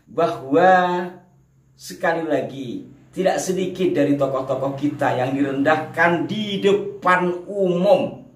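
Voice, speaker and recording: Man, mid-pitched voice, earnest commentary, roomy echo, mic set back. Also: far from the mic. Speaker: channel host. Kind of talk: commentary monologue.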